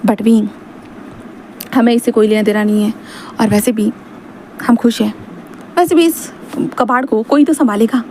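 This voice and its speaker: A woman's voice: on the high side, steady tone, normal speed, pauses often, a little mellow, a little hiss or hum, natural voice. A woman voicing an easygoing middle-aged father who jokes and lectures in a chatty way. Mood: wry.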